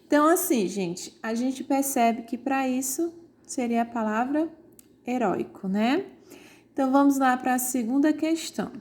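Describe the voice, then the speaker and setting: Lady teacher, bit high voice, walks through examples step by step. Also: darkish tone. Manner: explains slowly, pointing out examples on screen. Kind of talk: online grammar lesson.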